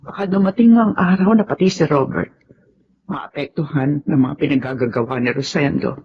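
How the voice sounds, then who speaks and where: A woman's voice: deep voice, normal speed, husky, exaggerated voice. An actress playing a worried middle-aged mother in an old radio drama, anxious and pleading. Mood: fearful. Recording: dull lo-fi old radio recording.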